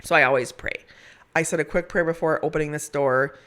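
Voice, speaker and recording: A woman telling a personal story in conversation as a hospice nurse, in a heartfelt, emphatic way with drawn-out words. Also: deep voice, a bit bright. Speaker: hospice nurse, podcast guest.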